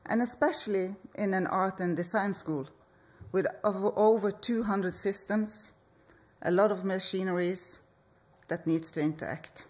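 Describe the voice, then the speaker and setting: Measured, slow-paced woman presenting. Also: mid-range voice, a little mellow. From Norway. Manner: measured, deliberate, with pauses between phrases. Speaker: architect, conference speaker. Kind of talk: conference presentation. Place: conference hall.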